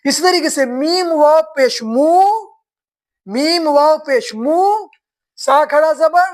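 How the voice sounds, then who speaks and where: A high-voiced woman who teaches Quran reading to beginners spells out words slowly, one syllable at a time, and quizzes her students.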